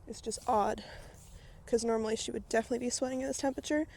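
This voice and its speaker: A woman's voice: a little high, steady tone, fast talker, gravelly, a little mellow. Breathless chatty woman vlogging at a barn. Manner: chatty, rambling, with frequent filler words. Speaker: vlogger and horse owner. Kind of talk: casual chatty vlog while grooming a horse. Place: outdoors at a barn.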